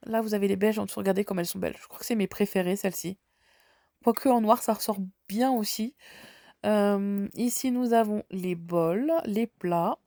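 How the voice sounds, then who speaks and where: A woman's voice: medium pitch, moderate pace, mellow, dry recording, clean studio sound. A woman from France with a slight head cold, chatting casually and enthusiastically while walking through a large store. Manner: chatty, enthusiastic, lots of fillers. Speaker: shopping vlogger. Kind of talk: casual shop walkthrough.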